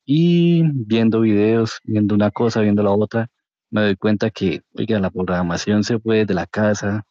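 A man's voice: fairly low pitch, moderate pace, mellow, no echo. A man with a Colombian accent telling his own story casually and colloquially as an interview guest. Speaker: podcast guest, career changer into programming. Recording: dull, lo-fi audio.

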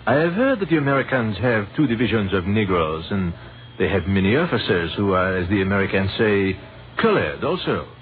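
An actor playing a courteous, philosophical French army captain with a French accent and formal, measured phrasing in an old radio drama. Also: male voice, lowish voice, expressive, natural voice. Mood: gracious. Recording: muffled, narrow-band old radio recording.

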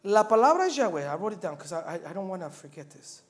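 A male pastor preaching a sermon in church, moving from quiet asides to loud, animated emphasis. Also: sits high, a little fast. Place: church service with slides.

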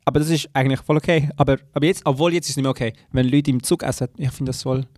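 A young man co-hosting a podcast in casual chat, talking quickly and repeating himself as he stumbles over words. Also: mid-range voice, steady tone, darkish tone, dry recording. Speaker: podcast co-host.

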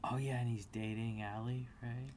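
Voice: mid-range voice, fairly even intonation, normal speed, a little mellow, slight background noise. A co-host on a casual fan podcast, asking short curious questions.

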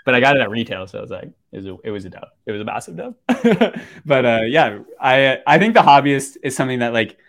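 A young man hosts a casual hobby podcast in a frat-bro manner. His mid-pitched voice leans on slang and filler words, rambling loosely as if among buddies. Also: big pitch swings, fast talker, creaky, no echo, studio quality. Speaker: podcast host.

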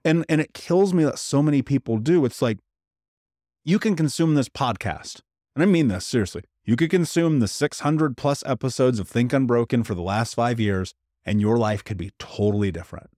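A man's voice: mid-range voice, moderate pace, a little mellow, no room sound, studio quality. A man in casual podcast conversation, talking candidly and with emphasis, dropping slang like dude and bro.

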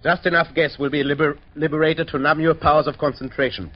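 An actor playing a cold-blooded, urbane doctor villain in an old-time radio drama, speaking with measured, polite menace and deliberate hesitations. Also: male voice, on the high side, fairly even intonation, natural voice. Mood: gloating threat. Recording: dull, noisy old radio recording.

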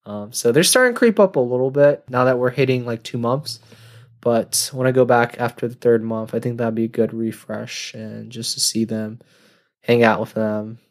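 A man's voice: mid-range voice, moderate pace. A young man in his twenties hosting a casual solo podcast, rambling and self-deprecating, laughing at his own jokes. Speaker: podcast host.

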